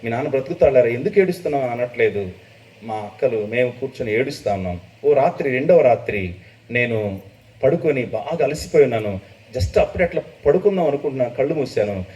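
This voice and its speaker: A middle-aged man preaching a testimony sermon, telling his story with emotion and rising to loud, high bursts. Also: animated, a little fast. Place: church gathering. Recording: distant dull mic with faint noise.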